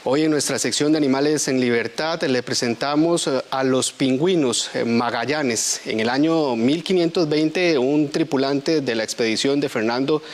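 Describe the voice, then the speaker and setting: A man's voice: mid-range voice, moderate pace, few pauses. Man anchoring the news. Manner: formal, with some hesitations. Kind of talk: news presenting.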